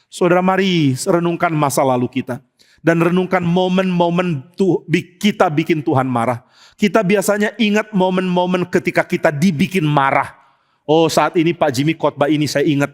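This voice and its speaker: A man preaching a sermon as pastor, telling stories with humor and acting out bits of dialogue. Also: fairly high pitch. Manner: humorous storytelling, acts out dialogue. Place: church sanctuary. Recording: long church hall reverb.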